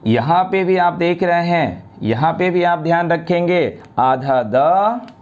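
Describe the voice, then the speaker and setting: A man teaching a grammar lesson to students, slowly reciting and repeating word forms one by one. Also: high-pitched, expressive, muffled recording. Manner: addresses students directly, repeats each form.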